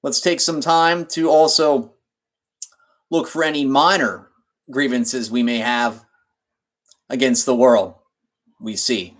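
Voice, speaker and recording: A man leading a guided meditation in an instructional way, speaking deliberately in short phrases with pauses mid-sentence. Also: mid-range voice, fairly even intonation, fairly bright tone.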